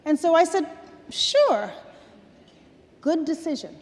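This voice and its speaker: A woman in her sixties, a guest on stage, telling stories from her life in a relaxed conversational way, laughing between points. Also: very high-pitched, slow pace, heavy background noise. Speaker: guest speaker. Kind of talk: onstage conversation. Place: large event hall. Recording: long hall reverb.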